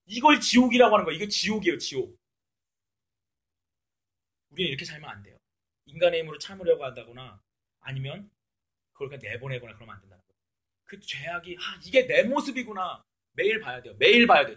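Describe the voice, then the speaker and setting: Woman pastor preaching at church, kinda husky voice, really fired up and blunt with the crowd. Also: lowish voice. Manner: impassioned, direct, scolding exhortation to the congregation; mixes English words into speech. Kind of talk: sermon. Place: church service.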